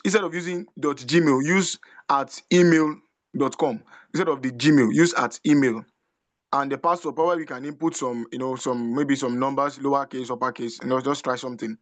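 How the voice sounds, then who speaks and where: A man instructing a class over a video call, guiding slowly with hesitant, repeated phrases. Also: mid-range voice, no room sound. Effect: heard over a video call. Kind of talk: live online class.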